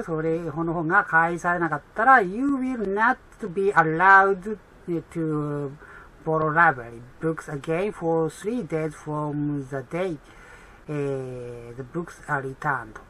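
Chatty woman tutoring, husky bright voice. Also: low voice. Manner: chatty, many fillers, reads English slowly. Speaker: English exam tutor. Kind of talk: explaining an English reading test.

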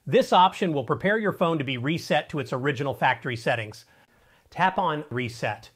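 A middle-aged man walks viewers through a phone tutorial in a friendly, conversational way. His pitch sits in the ordinary middle range for a man. He is recorded on a lapel mic in a studio. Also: fairly bright tone. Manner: upbeat, direct, conversational. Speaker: tech tips host. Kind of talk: scripted tech how-to presentation. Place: in front of a studio screen wall, indoors.

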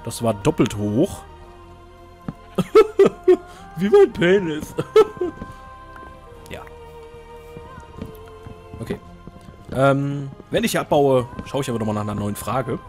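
In casual gaming commentary with soft music behind him, a young let's play host speaks slowly in a mid-range, slightly mellow voice, with huge pitch swings and long pauses. He chats while playing, answers viewers, and keeps joking at his own expense.

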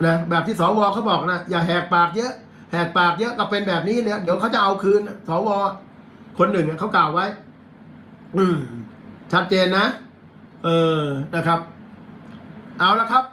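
A man with a Thai accent hosts a live commentary show as a lawyer, speaking in a high, bright voice. He is blunt and coarse and reads headlines aloud between filler sounds. The room is echoey, with faint ambience behind him. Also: moderate pace, long pauses, a little hiss or hum. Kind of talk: casual live-stream commentary.

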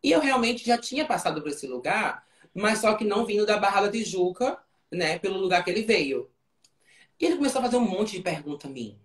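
A woman's voice: mid-range voice, very animated, fairly quick. A woman guest in an interview, casually telling a story with fillers and frequent check-ins like asking if the listener follows. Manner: tells it vividly, often checking in with "entendeu?". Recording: roomy echo.

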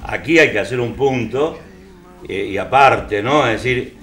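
In a small TV studio, a man in his sixties with an Argentine accent hosts a regional talk-show panel, discussing politics off the cuff. His medium-pitched, slightly bright voice is halting and reflective, with frequent pauses, picked up by a table microphone. The room echoes noticeably, with faint music in the background.

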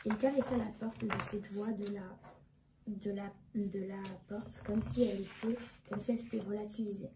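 A woman reading a casual summary of a novel, halting with many restarts and fillers. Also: medium pitch, fairly even intonation. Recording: echoey room with background noise.

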